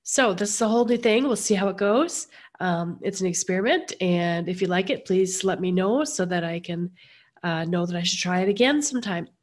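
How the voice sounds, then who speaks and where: A woman podcast host with a gravelly voice, hoarse from being sick, talking casually and earnestly on a live stream. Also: on the low side, a little fast. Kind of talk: casual live-streamed talk about sewing.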